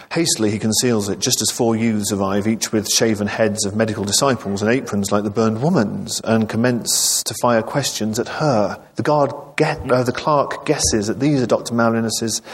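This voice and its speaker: Man, husky low voice, live book reading, measured storytelling, long hall reverb. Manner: measured, clear storytelling with dry asides. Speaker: author reading his novel aloud.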